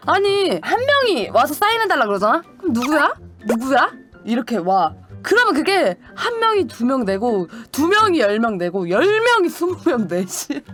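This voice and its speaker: Young streamer girl chatting w viewers, high pitched, laughs a lot, acts out fans' voices. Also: huge pitch swings, moderate pace, fairly bright tone, faint music behind. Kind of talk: casual storytelling to viewers.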